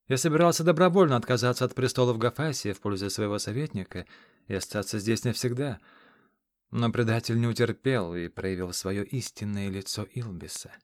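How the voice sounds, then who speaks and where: A man reading the lines of an exiled desert king in an audiobook, measured and solemn. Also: medium pitch, no echo, studio quality, close to an everyday voice.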